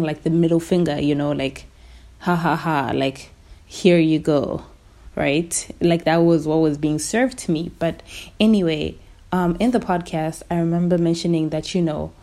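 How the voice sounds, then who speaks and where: A woman's voice: on the low side, warm tone. A young woman, hosting a podcast as a casual, candid, conversational personal monologue. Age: young adult. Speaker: podcast host.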